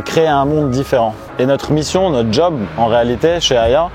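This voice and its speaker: Earnest thirty-something man pitching over music. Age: 30s. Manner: earnest and reflective, frequent hesitant "euh" fillers. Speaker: founder pitching his project. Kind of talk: promotional personal narration. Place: outdoors on city rooftops. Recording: music playing under the voice.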